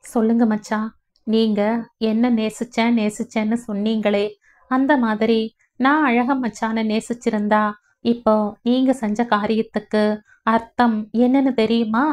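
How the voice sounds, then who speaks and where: A woman voicing a wounded, defiant young village woman who speaks in sharp, accusing tones in a storybook reading. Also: on the high side, level tone, a little slow, lightly acted. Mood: bitter accusing. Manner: sharp, accusing, rising in anger. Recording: dull lo-fi audio.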